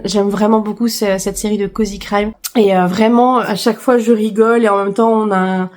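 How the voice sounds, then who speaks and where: A woman's voice: a little high, dark tone. A woman book vlogger chatting casually about her reading plans, enthusiastic, with frequent hesitations and repeated words.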